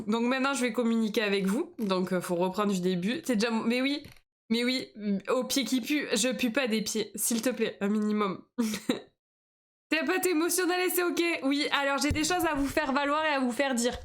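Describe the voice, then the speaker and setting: A woman's voice: sits high, fairly bright tone. A young woman streaming, chatting casually with her viewers in a bubbly, rambling way and laughing often.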